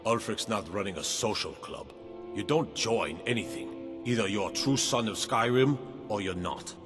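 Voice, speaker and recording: Fantasy game warrior male actor: stern, proud rebel, deepish voice, challenging delivery, music underneath. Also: normal speed, lightly acted. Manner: blunt, challenging. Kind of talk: video game character dialogue. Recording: long hall reverb, music behind.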